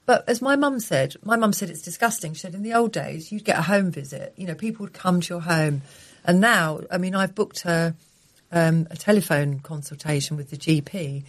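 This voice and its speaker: A woman's voice: fairly low pitch, normal speed. A middle-aged woman, co-hosting a radio show, chatting, laughing and telling rambling stories. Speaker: radio co-host. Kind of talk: casual radio chat.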